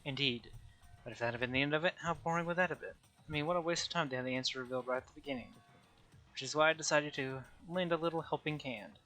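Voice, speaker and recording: Man playing a haughty, coldly calm young heir. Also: on the high side, fast, faint music behind, low-quality recording. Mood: smug, condescending. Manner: calm, condescending. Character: haughty, cold young male noble heir, coolly cruel. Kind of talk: video game character read aloud.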